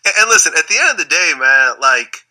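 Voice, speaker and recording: A male interviewer with a bright, forceful voice and a lively, swinging pitch. He chats casually and agreeably, with a gossipy way of talking. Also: fast talker.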